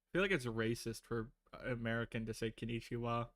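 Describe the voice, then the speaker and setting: A man's voice: mid-range voice, fast talker, fairly bright tone, no room sound, studio quality. A man hosting a casual livestream review, laid-back and greeting viewers in the chat. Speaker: host.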